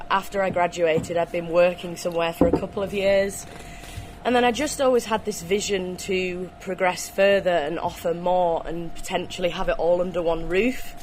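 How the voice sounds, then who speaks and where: Female interview guest, lowish voice, chatty explanatory answers, recorded out on a ski slope with faint noise. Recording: noisy outdoor recording with ambient sound.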